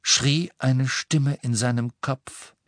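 A male narrator reads a novel at an unhurried, deliberate pace, in a measured, dramatic storytelling manner. His voice is dry and close, with no room around it. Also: medium pitch, steady tone, dry recording. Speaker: audiobook reader. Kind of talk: scripted narration. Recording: dry close studio sound.

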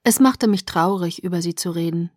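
A woman reading first-person novel narration in an audiobook, in an even, plainly told way. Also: on the low side, brisk, no echo, clean studio sound. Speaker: audiobook reader.

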